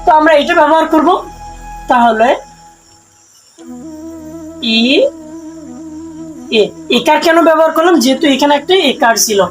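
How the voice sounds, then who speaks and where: High-voiced woman teaching Sanskrit pronunciation. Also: soft background music, poor audio. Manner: explains slowly, asks and answers her own questions. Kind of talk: step-by-step lesson.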